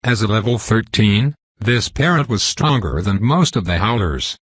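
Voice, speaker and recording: راوٍ بصوت منخفض مبحوح. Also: male voice, lowish voice, lively intonation, moderate pace, husky, dry recording. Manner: wry, profane. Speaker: audiobook narrator. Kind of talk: first-person scripted narration.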